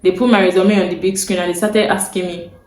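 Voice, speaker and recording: This young Nigerian woman, a native Yoruba speaker, talks fast in a steady, slightly mellow voice on the low side. She gives sincere career guidance to camera, going over her main points again and asking how her viewers are following. The room has a roomy echo and faint ambience.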